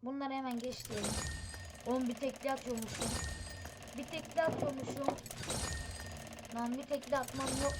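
A woman hosting a gaming channel, giving excited, impatient commentary on a mobile game. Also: high-pitched, moderate pace, pauses often. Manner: excitable, impatient, chatty exclamations. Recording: steady background noise.

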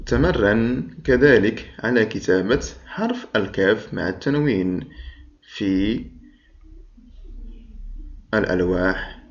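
A man teaching first-graders to read, sounding out syllables patiently and pausing for them to repeat. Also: on the low side, gravelly. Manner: patient, drawn-out, repeats sounds for pupils to echo. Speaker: primary school teacher. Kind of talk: slow syllable-by-syllable reading lesson. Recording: dull lo-fi recording.

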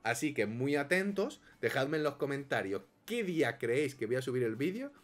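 A man's voice: mid-range voice, sing-song, moderate pace. A man with an accent from Spain, giving casual gameplay commentary as a YouTuber, complaining in a melodramatic, self-mocking way. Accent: Spain Spanish. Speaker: gaming YouTuber.

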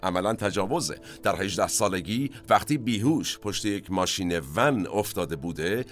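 A man's voice: low-pitched, lively intonation. A man hosting a cinema history podcast, telling stories in a conversational way with asides to his listeners. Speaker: podcast host.

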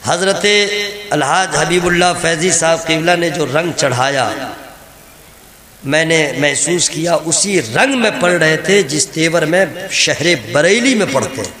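A man preaching a lively, humorous sermon to a gathering, addressing the crowd directly. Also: fairly high pitch, a little slow, reverberant.

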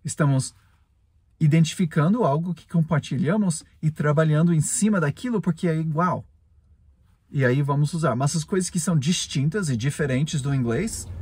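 A man's voice: on the high side, moderate pace, darkish tone, husky, dry recording. A man, a native English speaker, gives an earnest, casual spoken lesson as a podcast host, chuckling often and ending points with tag questions.

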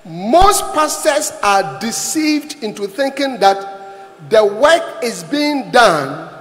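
High-pitched middle-aged male pastor, emphatic sermon, handheld mic in a large church hall with long reverb. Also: big pitch swings, drawn-out words, a bit bright, faint music behind. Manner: emphatic, repeats lines for the interpreter. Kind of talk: sermon with interpreter.

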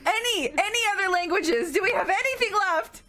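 Upbeat woman hosting, high lively voice. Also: brisk. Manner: upbeat, steers the group along. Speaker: streamer hosting a group of voice actors. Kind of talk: casual group chat on stream. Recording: clear background noise.

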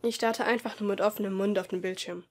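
A woman reading first-person fiction as an amateur audiobook, in a soft, subdued and emotional way. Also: medium pitch, steady tone, quick pace. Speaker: audiobook reader.

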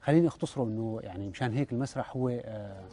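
A man with a Syrian Arabic accent, a playwright and theatre director, talking reflectively in an interview with many hesitant pauses. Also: on the low side, mellow, soft background music.

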